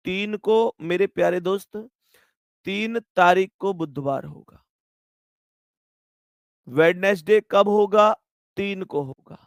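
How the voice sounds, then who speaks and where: A man's voice: sits high, slow, long pauses, clean tone, dry recording, studio quality. A man teaching an exam-prep class online, chatty and affectionate, often calling his students his dear friends. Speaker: maths and reasoning teacher.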